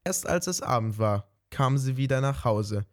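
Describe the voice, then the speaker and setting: A man reading a fairy tale aloud, unhurried, now and then correcting small slips. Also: mid-range voice, expressive. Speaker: storyteller.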